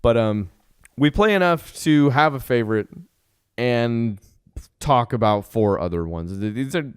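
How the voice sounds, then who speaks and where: A man's voice: mid-range voice, lively intonation, a little slow, clean tone, no room sound, studio quality. A man hosting a podcast in casual chat, joking and rambling, laughing often. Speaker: podcast host.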